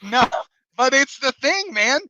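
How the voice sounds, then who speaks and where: A man's voice: extremely high pitch, big pitch swings, unhurried, lo-fi sound, noisy background. A man co-hosting a casual movie podcast, eager and playful, often jumping in. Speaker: podcast co-host.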